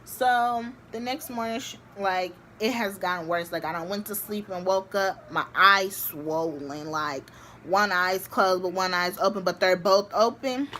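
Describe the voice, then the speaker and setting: A young woman vlogging, telling a story to the camera in a chatty, animated way with many filler likes. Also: medium pitch, a little slow, a little hiss or hum. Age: young adult.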